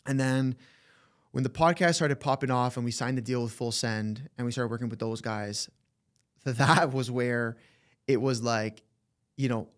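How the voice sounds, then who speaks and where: A young man with a slight lisp, talking casually and profanely as a podcast guest, often acting out what others said. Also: medium pitch. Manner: animated, profane, quick to act out quotes. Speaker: podcast guest, agency co-founder. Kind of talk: casual interview talk.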